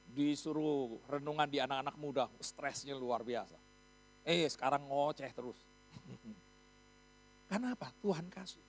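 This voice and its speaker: High-voiced preaching Indonesian man. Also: a bit bright. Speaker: pastor. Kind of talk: sermon. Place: church hall.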